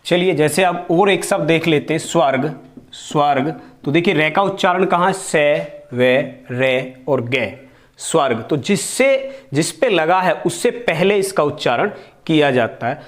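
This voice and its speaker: A man with a somewhat high voice gives a classroom-style grammar lesson. He explains slowly and patiently, repeating terms and asking questions only to answer them at once. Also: lively intonation. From India. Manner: explains slowly, repeats key words, asks and answers his own questions. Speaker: teacher.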